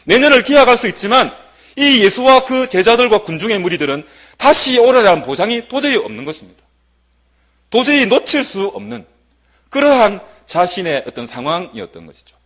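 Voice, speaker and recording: A young male preacher delivers a sermon in a church, his voice sitting high and leaping up and down in pitch. He swings between booming declarations and quiet, near-whispered asides. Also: sing-song, fairly quick. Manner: dramatic, swings from loud proclamation to hushed asides. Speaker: junior pastor.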